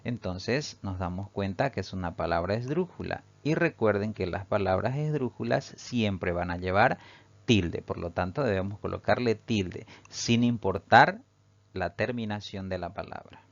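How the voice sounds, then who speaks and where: A man teaching a grammar lesson, explaining slowly and methodically and repeating the same phrases. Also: fairly low pitch, lively intonation, no room sound, muffled recording.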